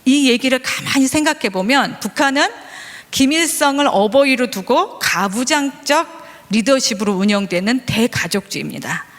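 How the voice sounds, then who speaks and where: High-voiced woman preaching in a hall. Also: moderate pace. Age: 40s. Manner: lively, joking with the congregation. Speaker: preacher, vice principal. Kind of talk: sermon with humorous storytelling. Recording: long hall reverb.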